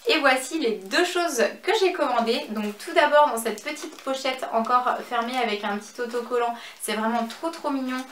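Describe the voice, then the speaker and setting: Chatty French woman in an echoey room. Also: on the high side. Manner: chatty, many fillers, slow over items. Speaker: beauty and fashion YouTuber. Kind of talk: casual haul vlog. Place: home office and makeup room. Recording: echoey room, faint background noise.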